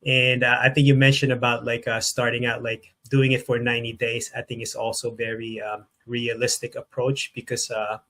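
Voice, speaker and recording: A man's voice: mid-range voice, flat delivery, moderate pace, few pauses, a bit bright. A man in his forties hosting a podcast interview, hesitant and full of fillers as he forms his questions. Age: 40s. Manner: hesitant, many uh and um fillers while forming questions. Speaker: podcast host. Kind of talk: casual interview.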